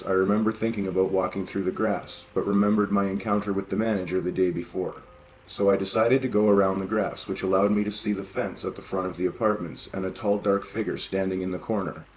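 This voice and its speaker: A man reading horror stories aloud in a steady, even narration. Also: low voice, a little hiss or hum, poor audio. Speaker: story reader. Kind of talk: scripted horror story narration.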